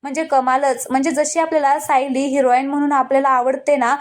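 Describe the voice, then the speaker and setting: This TV serial recap narrator has a high voice and a flat, slightly fast delivery. She retells the episode casually and chattily, talking right to her viewers with lots of asides.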